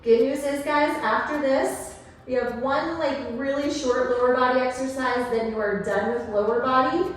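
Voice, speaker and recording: A woman's voice: sits high, fairly even intonation, normal speed. A woman leading a workout as an aerobics-style Pilates instructor, cueing moves and counting down reps in an encouraging, instructive way. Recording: echoey room, distant, music behind.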